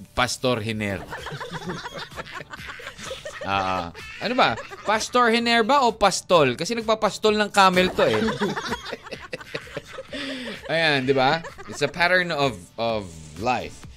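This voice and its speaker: A man's voice: mid-range voice, pushed and bright. A man co-hosting a radio show, chatting casually and rambling between Tagalog and English with frequent chuckles. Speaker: radio DJ and co-host. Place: radio studio.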